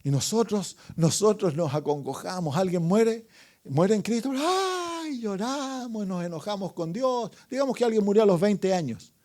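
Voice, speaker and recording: A man with a high voice preaches an evangelistic sermon as pastor at a moderate pace. He is dramatic, alternating loud calls with hushed asides, questioning the congregation and asking for amens.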